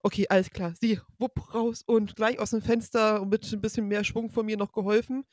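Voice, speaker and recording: A woman's voice: mid-range voice, little pitch movement, fairly quick, a little mellow, no room sound. A woman podcast guest telling a dramatic story, acting out quotes and sound effects. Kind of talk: animated storytelling.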